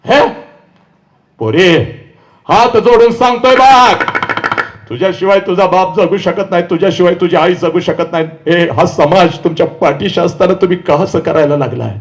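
A man giving a fiery motivational lecture on stage, shouting and scolding the crowd and repeating commands to them. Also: sits high, normal speed. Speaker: motivational public speaker. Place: large event before a seated audience.

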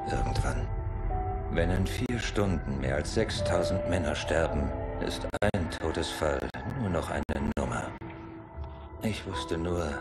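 An actor playing a grieving soldier, narrating gravely and reflectively for a war video game. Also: male voice, extremely low pitch. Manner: grave, measured. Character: somber male soldier narrating his grief.

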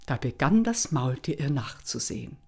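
A woman telling a folk tale aloud in a deliberate, dramatic way with pauses. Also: rumbling low, very animated, gravelly, darkish tone, slightly rough. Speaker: storyteller.

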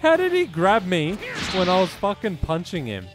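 A man's voice: high-pitched, huge pitch swings, normal speed. A young man with a phlegmy, rattly chest voice rambles through casual gameplay commentary, slangy and repeating himself, as the host of a gaming video. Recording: game music behind voice. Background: video game music.

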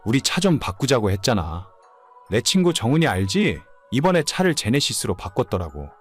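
A man's voice: medium pitch, big pitch swings, moderate pace, faint music behind. A man playing an immature, whining, hungover husband in his late thirties in a dramatized story. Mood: whiny, insistent. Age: late 30s. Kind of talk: dramatized audio story dialogue.

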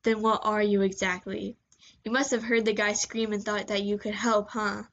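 A woman voicing a menacing young male fire villain in a low, bored tone. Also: little pitch movement, normal speed, fairly bright tone, dull audio. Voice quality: low, sinister.

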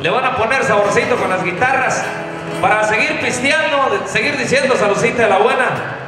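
A man's voice: very high-pitched, a little fast. A man from Tierra Caliente, Mexico, emceeing a live stage show with a handheld mic, loose, joking and thankful. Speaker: event emcee. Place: large indoor event hall with a stage. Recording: echoey hall over live music.

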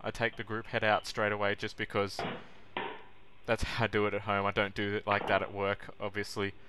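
A young coffee vlogger talks briskly and in a monotone, his voice on the low side, as he pokes fun at himself while demonstrating the process. He's indoors in a small home kitchen, and the recording is noisy with clicks and clatter.

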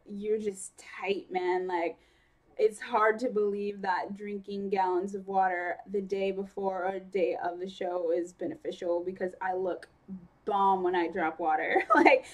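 A young woman vlogging casually about her training, talking fast and chatty with lots of fillers and self-corrections. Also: mid-range voice. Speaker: fitness vlogger. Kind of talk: casual vlog chat.

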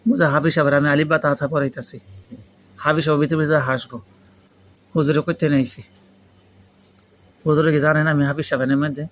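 A Pakistani-accented man with a fairly high voice gives an interactive lesson. A native Urdu speaker, he talks in a foreign learner's Bengali with Urdu phrases mixed in. He explains step by step, repeats key points and keeps prompting with questions. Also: flat delivery, brisk, pauses often, a little hiss or hum. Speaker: Arabic grammar teacher.

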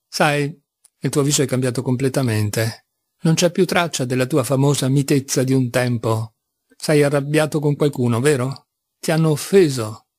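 A man's voice: mid-range voice, normal speed, darkish tone, no echo, natural voice. A man reading an audiobook, voicing a mocking, ironic young male seminarian who teases with astonished sarcasm. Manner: teasing, sarcastic, by turns astonished. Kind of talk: audiobook reading of a classic novel.

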